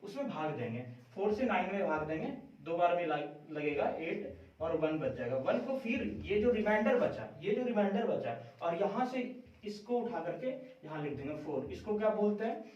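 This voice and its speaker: A man's voice: high-pitched, big pitch swings, normal speed, darkish tone. Echoey man teaching math. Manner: repeats questions and answers them himself. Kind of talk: classroom math lesson. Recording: very echoey room, distant mic, dull sound.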